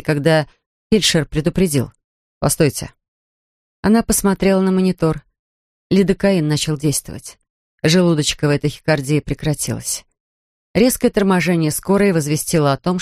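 An audiobook narrator reading in a tense, measured way at a middling pitch. The recording is dry and close, with no room echo. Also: darkish tone.

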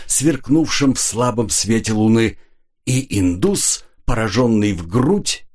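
A man reading an adventure novel aloud as an audiobook narrator, in an expressive, dramatic way. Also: lowish voice, breathy edge.

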